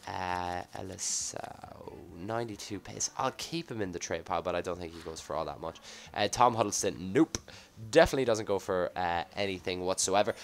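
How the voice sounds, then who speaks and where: A man with a slightly husky, under-the-weather voice giving casual live commentary on a video game pack opening, reacting offhand to each reveal. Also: low voice. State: slightly sick, husky off voice from a cough. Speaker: gaming video host.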